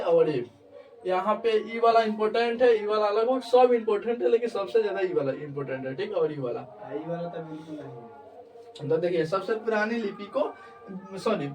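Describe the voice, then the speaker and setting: Man, high voice, distant mic, grammar teacher, checking in with students often. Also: a little hiss or hum. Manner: repeats checks of understanding. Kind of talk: online grammar lesson.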